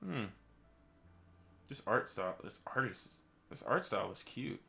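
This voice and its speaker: A man's voice: mid-range voice, unhurried, vocal fry, faint music behind. A man streaming his game development, talking casually to viewers and thinking aloud as he works. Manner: relaxed, thinking aloud, chatty asides to viewers. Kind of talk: casual live-stream chat.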